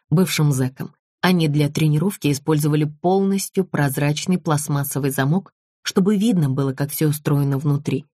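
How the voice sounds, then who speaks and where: A woman voicing a calm, resourceful former police constable in an audiobook, speaking in a steady, matter-of-fact way. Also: deep voice, husky, no echo, studio quality.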